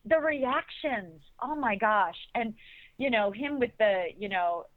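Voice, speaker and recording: Woman, middle-aged, actress in an interview, enthusiastic, restarts sentences, bright-pitched, phone-like sound. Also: animated, slow, dry recording. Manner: enthusiastic, rambling with many restarts. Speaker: actress guest. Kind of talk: interview answers. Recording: tinny phone-like line, dry.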